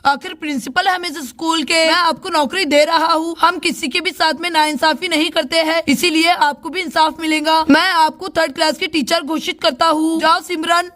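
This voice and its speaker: A woman's voice: very high voice, steady tone, moderate pace, hardly any pauses, fairly bright tone. A woman voicing a self-important male school principal in a doll story.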